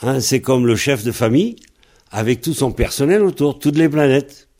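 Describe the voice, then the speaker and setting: A man teaching a language lesson, patiently repeating words and phrases slowly so they can be pronounced. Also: medium pitch, lively intonation, a little mellow.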